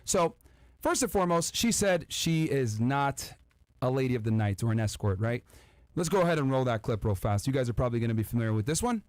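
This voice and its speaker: A man's voice: mid-range voice, animated, fairly quick, no room sound. A man hosting a podcast, commenting on video clips and speaking emphatically and directly to his viewers. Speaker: podcast host.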